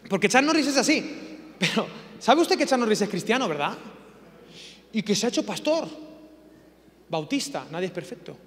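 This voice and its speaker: A man preaching a sermon, humorous and animated, firing off rhetorical questions. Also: high voice, moderate pace, long pauses. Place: church. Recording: long reverb of a church hall.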